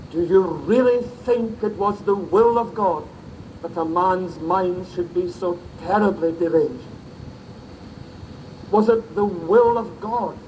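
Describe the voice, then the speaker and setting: Slow-preaching minister on hissy cassette tape. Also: male voice, high voice, darkish tone, poor audio. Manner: slow, grave and solemn, with emphatic pauses. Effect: faint tape hiss of an old cassette recording. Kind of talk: sermon at a memorial service.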